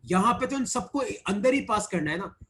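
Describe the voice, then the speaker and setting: A man's voice: sits high, expressive, fairly quick, a bit bright. A man teaching physics in an online class, explaining step by step, repeating key points and teasing his students.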